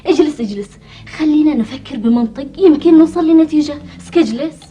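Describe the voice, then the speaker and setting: Woman acting a yemeni wife in a tv drama, high voice, reasoning, insistent, kinda lecturing. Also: fast, warm tone, natural voice. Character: practical, reasoning, gently scolding wife.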